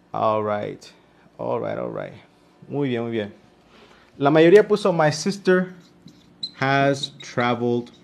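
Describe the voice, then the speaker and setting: Slow, patient Mexican-accented male teacher. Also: medium pitch. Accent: Mexican Spanish. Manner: slow, patient explaining with drawn-out examples. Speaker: English teacher. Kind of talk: live online class explanation.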